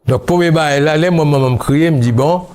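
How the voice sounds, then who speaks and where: A man from Haiti, speaking as an interview guest, recalling his childhood in a slow, musing way that mixes Creole and French. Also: a little high, darkish tone. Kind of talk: reflective interview talk.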